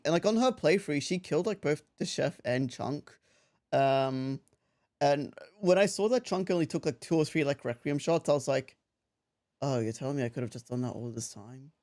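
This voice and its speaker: Pitched fairly high with a darkish edge, the young Australian streamer talks loosely over his game, wandering off topic, laughing a lot and starting over often.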